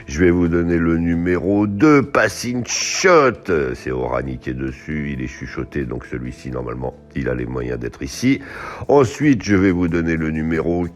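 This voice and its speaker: A man giving horse racing tips in a chatty live show, reading out viewer messages and stretching out horse names. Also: rumbling low. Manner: chatty, animated outbursts, drawn-out horse names.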